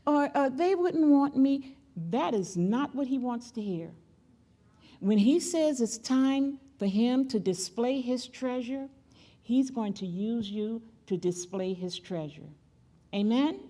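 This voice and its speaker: A great-grandmother is the guest preacher at a church, and she delivers her sermon slowly in a fairly high, warm, expressive voice. She's emphatic, repeating key phrases as she calls out to the congregation.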